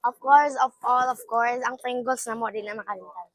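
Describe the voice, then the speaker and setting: A young woman vlogs casually while unboxing, excitable and exclaiming often, mixing English with her own language. Her voice is fairly high and fairly quick, with no echo.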